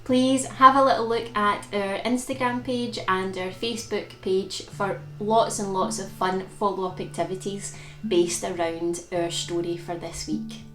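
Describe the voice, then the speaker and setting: Reading aloud as a storytime host, a woman shares a picture book with young children, expressive and dramatic on key words. Her medium-pitched voice keeps a level tone and an unhurried pace. The audio carries a roomy echo and plucked guitar music.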